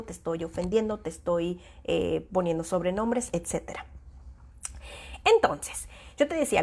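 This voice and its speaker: A woman's voice: medium pitch, darkish tone. A woman psychologist gives parents an informal talk. She explains her points through everyday examples and sometimes acts out the voices she quotes. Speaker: child psychologist.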